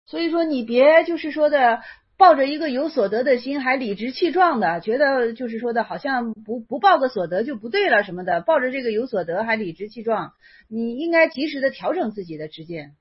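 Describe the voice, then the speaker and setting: A woman's voice: a little high, expressive, brisk, slightly rough. A woman giving a Buddhist dharma talk, explaining a Chan text in casual speech and often repeating and restarting phrases. The recording sounds dull and lo-fi.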